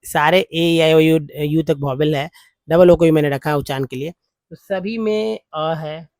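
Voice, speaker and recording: A man's voice: on the high side, moderate pace, darkish tone, dry recording. A man teaching a lesson in a patient, repetitive way, with many fillers. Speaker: English teacher. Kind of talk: spoken Hindi lesson on English vowel sounds.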